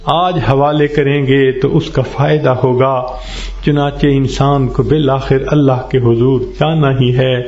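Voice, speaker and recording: A man's voice: mid-range voice, fairly even intonation, darkish tone. A man preaching a sermon, telling a moving story with dramatic rising emphasis. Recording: echoey lo-fi sermon recording.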